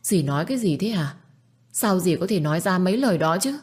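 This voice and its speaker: A woman's voice: lowish voice, lively intonation, fairly quick, a little mellow, husky, pitched above the performer's own voice. A woman voicing a timid young village woman who pleads and begs. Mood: pleading. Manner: pleading, tearful begging.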